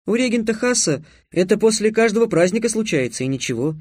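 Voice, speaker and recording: A man voicing a teasing, practical young girl companion in a soft, quiet voice. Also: high voice, big pitch swings, fast, dry recording, clean studio sound, voice pushed up.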